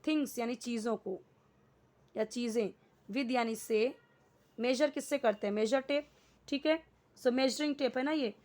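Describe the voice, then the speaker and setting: A woman teaches English grammar, going word by word and explaining each one in Hindi. She speaks at a slow, unhurried pace. Now and then she asks a question and answers it herself. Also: a little high, a little mellow.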